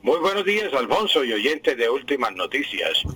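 A man, a language expert on the radio who explains word usage patiently, repeats his points and often pauses with fillers. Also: mid-range voice, very animated, sharp tone, husky, no echo, low-quality recording. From Colombia.

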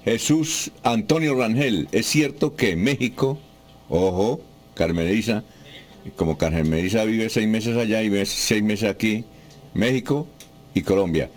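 A man's voice: on the low side, measured pace. A man hosting a radio call-in show, reading out listener questions with hesitant fillers. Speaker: radio host.

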